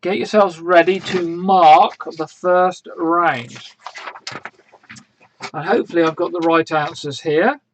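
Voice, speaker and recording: A man hosting a quiz on a church live stream, reading each question slowly and spelling out tricky names. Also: fairly high pitch, noisy background. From England. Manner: slow, measured, spells out names. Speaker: quiz host.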